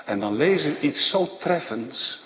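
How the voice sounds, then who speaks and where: A man's voice: a little high, unhurried. Preacher guy, voice swings all over, long church echo, kinda dull lo-fi sound. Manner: animated, rising to emphatic outbursts, frequent tag questions. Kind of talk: sermon. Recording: dull lo-fi recording in a reverberant hall with faint background noise.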